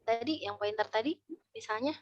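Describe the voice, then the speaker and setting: A woman's voice: on the high side, fairly quick, no room sound. A woman speaker in a webinar, explaining public speaking and voice-over tips with demonstrations. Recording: dull online call audio.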